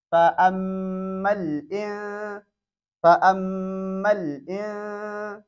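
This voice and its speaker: A man's voice: high voice, darkish tone. A man teaching Quran reading, spelling out each letter and vowel mark and then blending the syllables into whole words. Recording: dull lo-fi recording.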